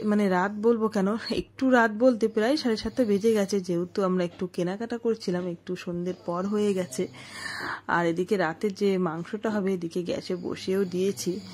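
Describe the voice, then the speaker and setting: A breathy, slightly husky woman in her thirties records a casual home vlog. She talks straight to her viewers in a rambling, chatty way, at a middling pitch. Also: a little mellow. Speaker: family vlogger.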